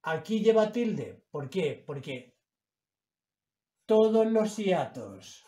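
Slow-talking teacher man, echoey room. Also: high voice, sing-song, mellow. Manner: slow, explanatory, stretching example words. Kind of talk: spoken grammar lesson.

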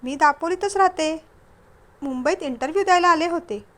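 A woman's voice: very high-pitched, normal speed. A woman voicing a witty, composed young woman traveler in a read-aloud story, with a light, teasing, polite manner.

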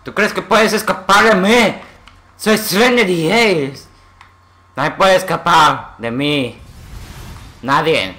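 A man putting on the voice of a boastful, menacing villain who taunts his enemies with drawn-out lines. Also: high-pitched, bright, forceful tone, pitched above the performer's own voice, full character voice. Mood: taunting.

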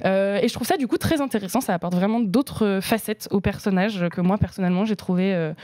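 A woman's voice: mid-range voice, fairly quick, mellow, no echo, clean studio sound. A woman, a series journalist, giving her opinions as a podcast guest, with lots of hesitations and restarts. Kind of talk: casual podcast discussion.

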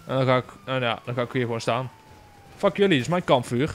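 A young man with a Dutch accent giving casual gameplay commentary, excitable and swearing often, bursting into shrieks. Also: medium pitch, fast. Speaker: gaming YouTuber.

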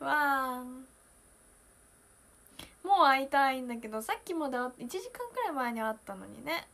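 A young woman in her twenties, chatting casually on a solo livestream, emotional and talkative, moving from loud bursts to hushed asides. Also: high voice, expressive, moderate pace, creaky. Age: 20s. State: near tears at times. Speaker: idol streamer.

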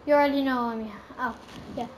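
A clumsy male agent turned skull trooper, played by a woman in an improvised fan role-play. The voice sits high and stumbles through restarts as it rambles. A steady hiss of noise runs under the home recording. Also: quick pace, close to an everyday voice. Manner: hesitant, rambling, with many restarts.

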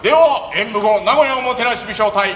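An actor playing a dignified but teasing samurai warlord in a live stage show, declaiming in archaic, stately speech. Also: male voice, high-pitched, fairly quick, a bit bright. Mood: rallying. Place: festival stage at night. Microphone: headset through PA. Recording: echoey stage PA with clear noise.

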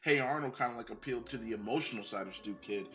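A man interviewing a guest over a voice call, asking questions in a relaxed, chatty way. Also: mid-range voice, quick pace, muffled recording, over loud music.

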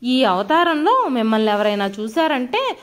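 A woman's voice: sits high, very animated, normal speed. A woman voicing an arrogant young office worker who angrily scorns his poor father. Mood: scornful. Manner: harsh, scornful.

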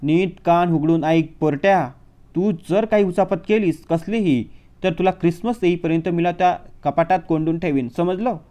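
Guy playing a gruff bully uncle, barks threats, mellow tone. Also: high-pitched, moderate pace, natural voice. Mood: threatening. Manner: threatening, barking.

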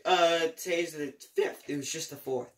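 A woman's voice: deep voice, normal speed. A female voice improvising casually in a home toy-play skit. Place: small room indoors at home. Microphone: handheld camera or phone. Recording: faint noise, clicks, handheld home camera.

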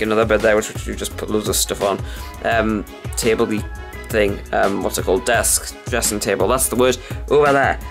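A young man casually vlogging to a handheld camera at arm's length, rambling with lots of ums. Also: mid-range voice. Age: young adult. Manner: chatty, rambling with many ums. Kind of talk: casual vlog. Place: indoors and outdoors while travelling, hotel room.

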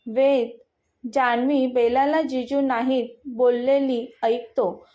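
A woman's voice: sits high, fairly even intonation, takes it slowly, warm tone. A woman narrating a romantic story and reading every character in her own voice.

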